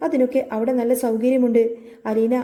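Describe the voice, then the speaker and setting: Woman reading a soft-spoken, guarded father; high mellow tone, calm. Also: fairly quick, natural voice. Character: older Kerala father, calm, guarded and reassuring.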